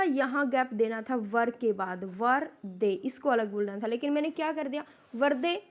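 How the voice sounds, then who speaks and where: A woman teaching a class in a high voice. She speaks slowly and deliberately, pausing to pose rhetorical questions before answering them. Her pace is measured throughout the explanation. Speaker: Hindi literature lecturer. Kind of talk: classroom lecture.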